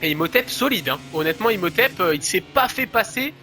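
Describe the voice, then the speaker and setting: A man's voice: high-pitched, lively intonation, fairly quick, pushed and bright. A man giving live play-by-play as a motorsport commentator on a motorcycle racing game.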